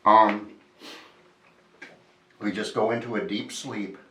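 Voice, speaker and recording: A man's voice: on the low side, fairly even intonation, slow pace, sharp tone, recorded from a distance, slight background noise. A man chatting casually while his mouth burns from spicy food. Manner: talking through a mouth burning from spicy food. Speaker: radio personality, challenge guest. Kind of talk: casual chat. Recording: echoey room, off the mic.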